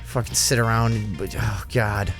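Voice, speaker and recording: A man's voice: on the low side, unhurried, faint music behind. A man co-hosting a podcast, swearing and acting out the people in his story as he tells it in casual chat. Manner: profane, animated retelling with quoted voices. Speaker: podcast co-host.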